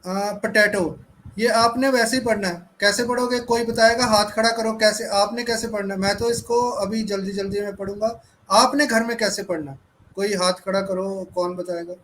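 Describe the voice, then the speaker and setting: A man's voice: high voice, steady tone, moderate pace, fairly bright tone, a little hiss or hum, low-quality recording. A man teaching children in an online class, patiently spelling out words letter by letter, heard over a video call.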